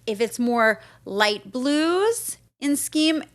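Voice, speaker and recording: A woman's voice: on the high side, lively intonation, very slow. A woman co-hosting a podcast and shop, explaining things in an upbeat, casual way. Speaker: podcast co-host and shop owner.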